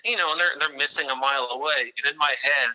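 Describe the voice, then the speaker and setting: A man guesting on a podcast interview, telling animated stories and laughing at his own jokes. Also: fairly high pitch, fast, poor audio. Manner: animated storyteller, laughs at his own jokes, mocks fans in exaggerated voices. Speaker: guest, independent wrestler.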